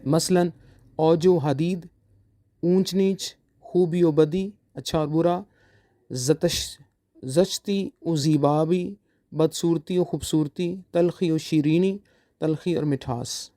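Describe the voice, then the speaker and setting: A lecturer from Pakistan giving a recorded exam-prep lesson, slowly reading out each definition and then explaining it, often checking in with "okay?". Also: mid-range voice, fairly even intonation, dark tone, no echo, clean studio sound. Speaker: online lecturer.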